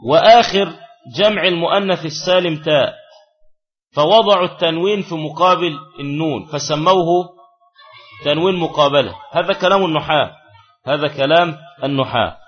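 A man's voice: on the high side, moderate pace, lo-fi sound, soft background music. A man teaching a classical grammar lesson, who repeats key phrases and puts questions to his students.

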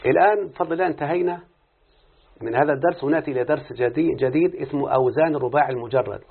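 Speaking very fast in a fairly high, creaky, slightly rough voice, an Egyptian-accented man runs an Arabic morphology lesson. He quizzes his student nonstop, and the sound is lo-fi, like a phone call.

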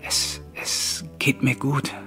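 A man voicing a timid, frightened male tenant farmer, meek and stammering, often hushed to a whisper. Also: mid-range voice, moderate pace, over music, close to an everyday voice.

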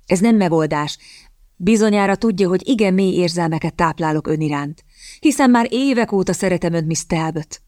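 A woman reading the part of an earnest young gentleman in love, eager and stammering. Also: lowish voice, dry recording, clean studio sound, natural voice.

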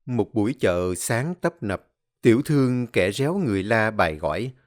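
A man narrating a ghost story for his channel, reading in a measured, solemn way with slow pauses. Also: lowish voice, sing-song. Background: faint music.

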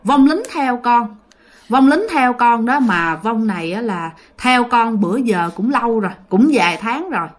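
A woman's voice: fairly high pitch, lively intonation, moderate pace, natural voice. Woman doing an older fortune teller, firm and coaxing. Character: older female fortune teller, stern yet pleading.

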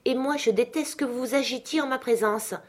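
A woman reading aloud, voicing a headstrong, imperious young woman who is sharp and scornful. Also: medium pitch, natural voice. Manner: sharp, scornful, quick to anger.

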